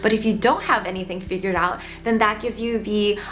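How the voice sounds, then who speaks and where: A woman in her late twenties hosting a casual vlog, reflecting with gentle advice and lots of "like" fillers, filmed sitting on the floor at home. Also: mid-range voice, steady tone, a little fast, soft background music. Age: 20s. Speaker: lifestyle channel host. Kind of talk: casual talking-head vlog. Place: home room, seated on the floor.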